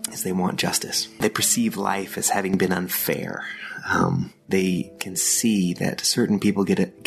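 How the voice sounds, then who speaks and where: A man with an Austrian German accent, hosting a podcast and explaining ideas slowly and thoughtfully, with frequent fillers. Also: low-pitched, gravelly. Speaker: podcast host. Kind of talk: solo podcast teaching.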